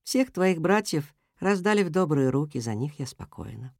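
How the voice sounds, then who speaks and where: A storyteller voicing a slender, tender mother cat in a children's audiobook, speaking softly. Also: mid-range voice, big pitch swings, normal speed, no room sound, studio quality. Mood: wistful. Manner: soft and tender. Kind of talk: storybook reading.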